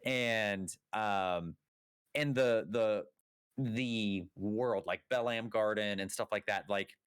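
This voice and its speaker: Man, low voice, dry sound, rambling casual podcast chat, lots of fillers. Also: slow pace, clean tone, no echo. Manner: rambling, filler-heavy, self-correcting. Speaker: podcast co-host.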